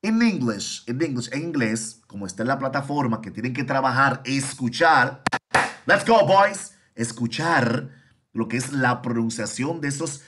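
A man's voice: medium pitch, animated, unhurried, fairly bright tone, slight background noise. A man teaching an English class over a video call, repeating each phrase and translating it. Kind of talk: online bilingual class.

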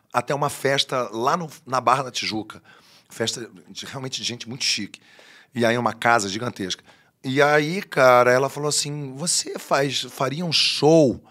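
A man, a guest on a podcast, telling stories in casual chat and acting out the people he quotes. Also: medium pitch. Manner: animated storyteller who acts out the people he quotes. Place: podcast studio.

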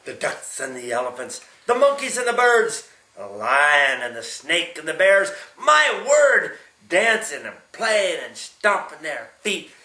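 A man's voice: fairly high pitch, roomy sound. An older man, a great-grandfather, reading a picture book aloud to a small child and making the animal sounds. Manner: slow, lively storybook reading with animal sounds.

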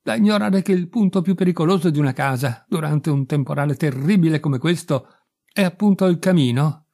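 A man's voice: on the high side, fairly quick, dark tone. A man voicing a jittery, bossy lightning-rod salesman. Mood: alarmed. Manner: alarmed and commanding. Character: pushy, fearful male lightning-rod salesman. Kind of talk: audiobook reading.

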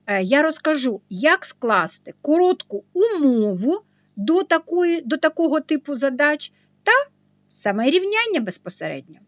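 A woman's voice: high-pitched, sing-song, normal speed, no echo, dull audio. A woman math teacher explaining a lesson patiently, step by step.

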